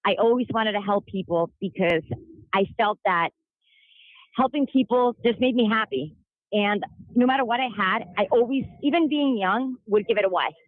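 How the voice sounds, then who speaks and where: A woman's voice: mid-range voice, moderate pace, no echo, narrow, tinny audio. A woman from Chile, a guest on a podcast, telling her personal story earnestly with some fillers. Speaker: interview guest.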